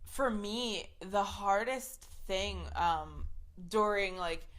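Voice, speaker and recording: A woman's voice: mid-range voice, drawn-out words, fairly bright tone. Chatty young woman telling a story. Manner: chatty storytelling, heavy use of "like" fillers. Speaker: podcast host. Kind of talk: casual chat.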